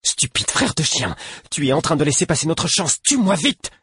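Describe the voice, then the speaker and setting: A man's voice: on the high side, sing-song, normal speed, a bit bright, slightly rough, no echo, studio quality, voice pushed up, exaggerated voice. A man voicing a snarling possessed wildcat. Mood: desperate. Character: fierce possessed female wildcat, desperate.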